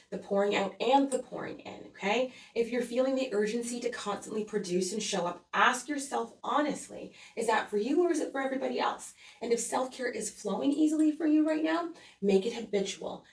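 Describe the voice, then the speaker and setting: A soothing, earnest woman with a fairly high voice gives a weekly energy forecast using tarot cards as a tarot reader and astrology host, often asking "okay?" to check in with viewers. The audio has a roomy echo, her voice a little distant from the mic.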